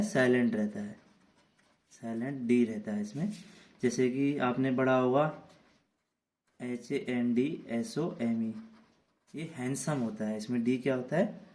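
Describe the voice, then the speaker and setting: A man's voice: medium pitch, darkish tone. A man from India, a teacher giving a classroom lesson to children. He speaks, spells words out letter by letter and keeps answering his own questions. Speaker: English teacher.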